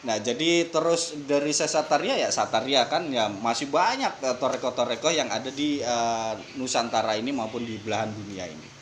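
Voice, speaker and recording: A man's voice: medium pitch, moderate pace, hardly any pauses, slight background noise. A man with an Indonesian accent, a guest on a casual podcast, explaining Sufi ideas with everyday examples and a joking ease. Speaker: guest speaking on Sufism.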